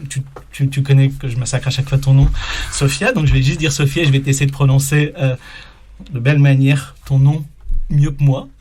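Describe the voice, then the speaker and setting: A man with a French accent hosting a live radio show from a studio, talking in a halting way with many fillers and restarts. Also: medium pitch, level tone, a little mellow. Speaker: radio host. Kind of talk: hesitant live radio chat.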